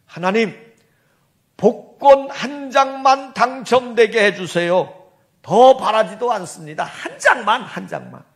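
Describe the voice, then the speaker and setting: A woman's voice: on the high side, animated, measured pace. A woman preacher voicing a poor retired old rabbi who bargains and complains to God in a sermon story. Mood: pleading. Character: poor retired old male rabbi, pleading then indignant.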